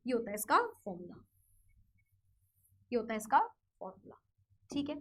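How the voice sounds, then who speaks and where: Woman, high voice, chemistry teacher, lively, repeats definitions slowly, answers her own questions. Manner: lively, repeats key phrases slowly to dictate. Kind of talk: online class lesson.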